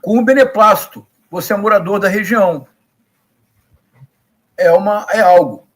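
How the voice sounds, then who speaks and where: A middle-aged man with a Rio de Janeiro Brazilian Portuguese accent delivers live political commentary, emphatic and didactic, relying on repetition and rhetorical questions. His voice sits high and moves at a normal speed.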